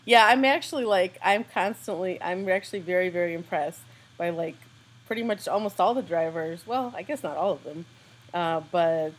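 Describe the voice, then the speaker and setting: A woman's voice: on the low side, moderate pace. A young American woman co-hosting a podcast, chatting casually and rambling with lots of fillers. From United States. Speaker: podcast co-host. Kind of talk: casual chat.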